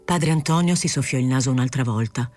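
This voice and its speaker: A woman reading a novel aloud as narrator, measured and clear. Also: extremely low pitch, darkish tone, soft background music. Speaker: reader. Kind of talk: audiobook narration.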